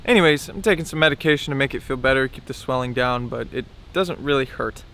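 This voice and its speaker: A man's voice: medium pitch, fast, creaky, fairly bright tone. A young man chatting casually to camera as a vlogger, his pronunciation slightly numb after dental surgery. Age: young adult. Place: outdoors by a sidewalk with palm trees. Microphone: camera at arm's length.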